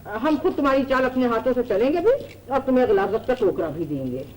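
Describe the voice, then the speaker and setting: An actress playing a playful, teasing older aunt who cheats at a board game, in an old TV drama. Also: female voice, fairly high pitch, expressive, darkish tone, close to an everyday voice, rough recording. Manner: playful and teasing, quick to laugh. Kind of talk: 1980s TV drama acting. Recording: old TV drama audio, light noise.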